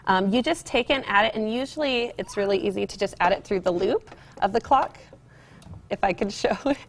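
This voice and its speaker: Chatting informally on a television studio set, this young American decor store representative stays upbeat as she demonstrates for the interview. Her pitch is medium and her pace fairly quick, with a bit of hiss or hum in the audio.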